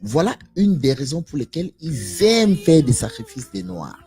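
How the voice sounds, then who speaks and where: This live streamer speaks in a mellow, mid-range voice with a breathy edge, moving at a moderate pace while his pitch rises and falls dramatically. Soft music plays behind his preachy, emphatic monologue, full of repeated lines and rhetorical questions.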